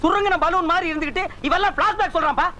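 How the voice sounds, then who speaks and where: A man's voice: very high voice, racing, crowd noise. A man doing teasing, mocking troll commentary over clips. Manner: teasing, insulting banter.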